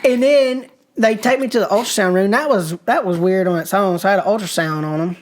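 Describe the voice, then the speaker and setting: A man's voice: sits high, fairly quick. A young man with a drawl tells a personal story in a loose, casual way. He laughs often and jumps into the voices of the people in his story. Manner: animated, laughing storyteller, acts out quotes. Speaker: podcast guest.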